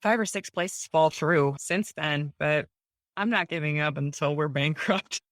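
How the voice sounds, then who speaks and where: A woman guest in an interview, telling her story in a casual, animated way, acting out what people said and laughing often. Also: sits low, slow pace, no room sound. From United States. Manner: animated, acts out voices in anecdotes, laughs often. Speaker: guest, home bakery owner.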